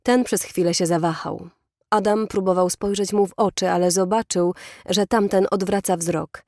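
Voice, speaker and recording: A woman narrating an audiobook in a measured, even manner, recorded in a studio. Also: mid-range voice, no room sound. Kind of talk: scripted narration.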